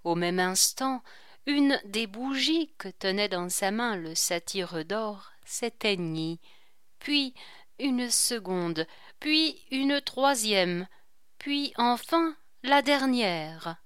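Slow, smooth-voiced woman narrating a novel. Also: medium pitch, no room sound, studio quality. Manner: measured, expressive reading. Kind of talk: audiobook narration of a classic novel.

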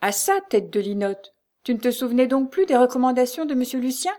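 A woman's voice: medium pitch, lively intonation, moderate pace, darkish tone, close to an everyday voice. A woman voicing a brusque, rude male concierge who speaks in a dry, bossy tone. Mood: curt. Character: curt, brutal male concierge, middle-aged.

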